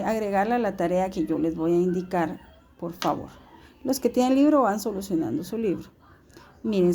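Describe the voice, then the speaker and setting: In a recorded video lesson, a woman with a mid-range voice and a very dark, mellow tone explains material slowly and patiently. Her unhurried, steady delivery includes questions directed at her students.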